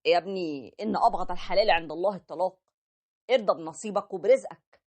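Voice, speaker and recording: A woman voicing a calm older sheikh giving religious advice, with an Egyptian accent. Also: fairly low pitch, fast, slightly rough. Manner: calm, preaching. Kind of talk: animated story voice acting.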